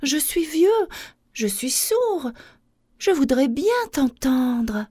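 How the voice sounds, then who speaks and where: Woman as a sly male fox, slow coaxing speech, flattering, storybook. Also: sits high, slightly rough, no room sound, clean studio sound, full character voice.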